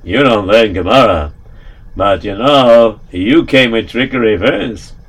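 Man as a shrewd, calm old rabbi. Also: lowish voice, husky, pitched below the performer's own voice, exaggerated voice. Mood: stern. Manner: gentle, deliberate, sprinkles Yiddish words. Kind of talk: storytelling with put-on voices.

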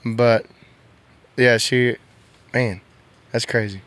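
A young man from Texas, a bull rider, talking candidly and emotionally in halting, soft-spoken sentences. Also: medium pitch, fairly even intonation, no echo. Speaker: professional bull rider, guest. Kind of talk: candid interview chat.

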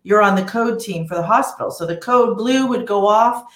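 A woman tells a personal story with lively energy during a relaxed podcast chat. Her mid-range voice carries a roomy echo. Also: mid-range voice, moderate pace. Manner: lively storyteller, animated when recounting. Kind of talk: casual podcast conversation.

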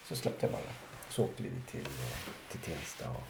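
A man telling his life story in an interview, halting and reflective with many pauses. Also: a bass voice, lively intonation, vocal fry. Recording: echoey room with faint noise.

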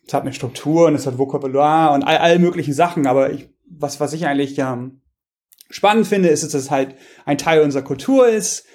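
A male researcher appears as a guest on a podcast, talking casually in a fairly quick, slightly high voice with a darkish tone. He is hesitant, with many fillers and restarts.

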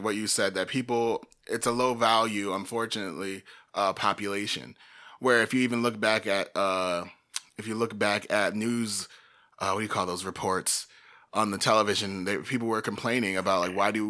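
A man co-hosts a casual true-crime chat, talking in a rambling way full of fillers. His voice is low, but its tone is bright and forceful. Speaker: podcast co-host.

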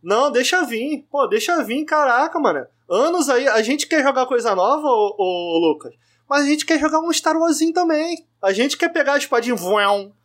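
A man's voice: very high voice, animated, moderate pace, fairly bright tone. A Brazilian Portuguese man chats as a podcast co-host. He is opinionated and emphatic, talking casually with plenty of slang and the odd swear word.

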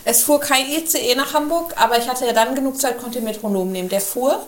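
A woman's voice: on the high side, fast. A woman co-hosting a casual podcast in a kitchen, telling stories and laughing often. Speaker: podcast co-host. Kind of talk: casual chat. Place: home kitchen. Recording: echoey kitchen with faint noise.

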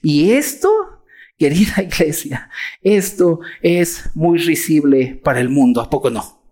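A preacher with a Mexican accent, delivering a sermon in an animated way and acting out mocking quotes of others. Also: medium pitch, measured pace. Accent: Mexican Spanish.

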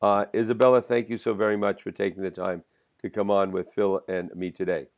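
A man's voice: lowish voice, little pitch movement, a little fast. A man hosting an interview show, introducing his co-host and guest courteously with some hesitation.

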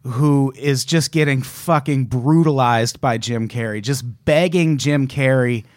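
A man's voice: mid-range voice, measured pace, no echo, studio quality. A man co-hosting a casual podcast chat, telling a story with lots of swearing and quoting people in passing voices. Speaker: podcast co-host.

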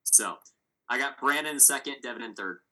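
A man with a bright, forceful voice chats casually as a podcast co-host. He talks through his analysis aloud, rambling and circling back. His pitch sits in the middle. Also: brisk, poor audio. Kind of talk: casual sports chat.

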